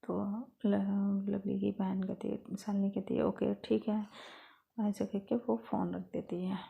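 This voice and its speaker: A woman storyteller narrating a romance story in a plain, steady retelling with small restarts. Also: mid-range voice, unhurried, creaky, phone-quality sound.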